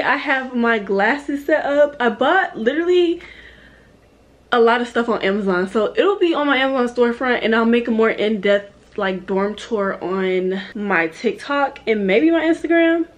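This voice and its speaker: A woman's voice: a little high, rough recording. A woman, chatting casually to viewers in a vlog from her college apartment bedroom. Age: 20s. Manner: chatty, addresses viewers as y'all. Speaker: vlogger.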